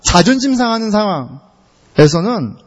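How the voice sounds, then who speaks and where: A male pastor with a high, swooping voice preaching to his congregation, telling the story with lots of rhetorical questions. The sound is dull and lo-fi. His words ring out with a long reverb, as if in a large church hall. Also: sing-song, unhurried. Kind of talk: sermon.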